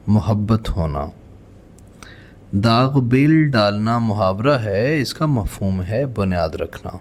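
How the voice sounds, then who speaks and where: A Pakistani man with a fairly low voice steps through exam questions one at a time. He reads each idiom or verse and then explains it in an even, patient teaching manner, sometimes saying an answer twice. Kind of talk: exam-prep lecture reading questions and answers.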